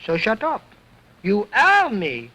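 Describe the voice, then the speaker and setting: A man's voice: high voice, huge pitch swings, pushed and bright, voice pushed up, full character voice, low-quality recording. An actor voicing a cheeky, fresh-mouthed wooden ventriloquist dummy boy who wisecracks in broken grammar, in a 1929 film. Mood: sassy. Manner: wisecracking, sassy, broken grammar, slow drawl. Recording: vintage 1929 film soundtrack.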